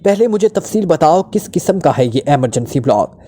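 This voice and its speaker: A man's voice: fairly high pitch, big pitch swings, brisk, dark tone. A man voicing King, a cold and ruthless male killer who speaks in an icy, menacing tone. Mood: icy menace.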